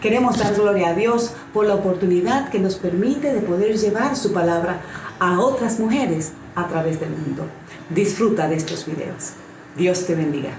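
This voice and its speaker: A woman hosting a women's devotional series, giving a scripted welcome in a gentle, measured, sincere way. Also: medium pitch, reverberant, a little hiss or hum, rough recording.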